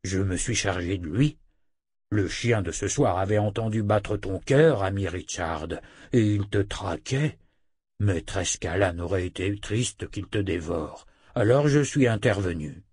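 A man voicing a loyal, humble male talking wolf, low and slow, in an audiobook. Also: a little mellow, breathy edge, no echo, clean studio sound.

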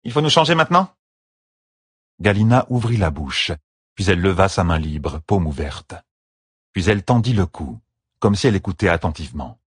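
A man reading an audiobook novel aloud as narrator, in an expressive storytelling manner. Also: low-pitched, moderate pace, husky, no room sound, clean studio sound. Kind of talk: scripted narration.

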